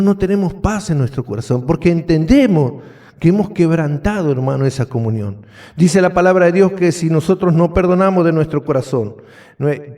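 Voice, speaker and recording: Man, Argentine accent, pastor, sermon, rhetorical questions, slightly high, mellow tone. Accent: Argentine Spanish. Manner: preaching with rhetorical questions to the congregation. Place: church hall.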